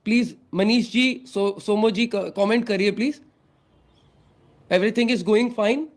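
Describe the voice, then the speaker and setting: An older man from Punjab with a Punjabi lilt softened toward Hindi, speaking in a high, light voice. He moves at a slow, deliberate pace, saying every line twice and sometimes spelling a word out letter by letter as he hosts a live devotional stream. The sound comes from a simple home webcam setup. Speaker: satsang host. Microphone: webcam or phone on a live stream.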